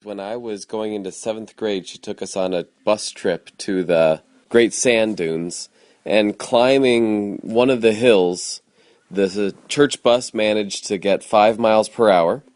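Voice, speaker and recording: Deep-voiced man recalling youth trips. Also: no echo. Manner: relaxed storytelling with fillers. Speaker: tribute speaker, former youth group member. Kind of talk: anecdotal tribute.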